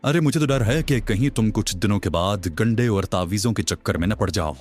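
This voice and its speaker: A man voicing a deep-voiced teasing detective. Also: brisk, darkish tone, soft background music, close to an everyday voice. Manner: teasing, offhand. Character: wry, mocking young male detective.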